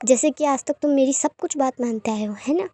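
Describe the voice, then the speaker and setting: Woman doing a furious young guy yelling at his lover, storybook, high and loud. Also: brisk, no room sound. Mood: angry scolding. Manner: shouting, frustrated, scolding. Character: angry young man scolding his beloved.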